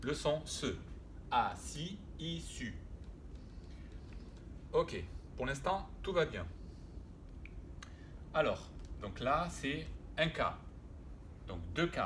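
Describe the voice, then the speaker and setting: Guy teaching french sounds, super slow and patient, says each word a few times, faint hiss behind. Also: fairly high pitch, very animated, fairly bright tone. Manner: slow, patient, repeats words and sounds aloud; hesitant, with frequent "euh" and self-corrections. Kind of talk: spelling and pronunciation lesson.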